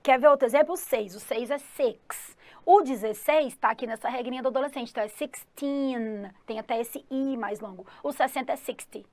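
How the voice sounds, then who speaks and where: A Brazilian woman with a fairly high voice teaches an exam-prep English lesson. She is upbeat and keeps checking in with her listeners. The sound is dry and close, with no room echo. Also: moderate pace, darkish tone. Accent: Brazilian Portuguese. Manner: calls herself 'the teacher' in third person.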